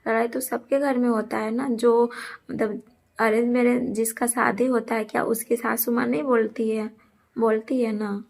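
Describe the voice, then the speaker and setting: A young woman speaks straight to her viewers in a casual vlog. Her voice sits a bit high and gravelly, with a flat, even melody as she earnestly and defensively repeats her points. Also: moderate pace. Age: young adult. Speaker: vlogger. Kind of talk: casual talk to camera.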